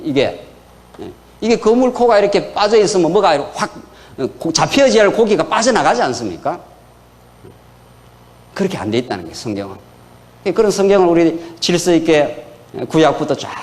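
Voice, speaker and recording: A middle-aged pastor, preaching in a folksy lecture style. His voice sits fairly high for a man and swings widely in pitch. He keeps asking his listeners rhetorical questions. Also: darkish tone. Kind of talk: sermon lecture.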